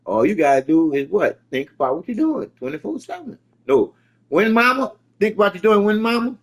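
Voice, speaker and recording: A man with a hosts a loose live stream chat. His voice sits a little high and swings widely in pitch as he preaches at his viewers, often stammering into a point. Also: sing-song, brisk.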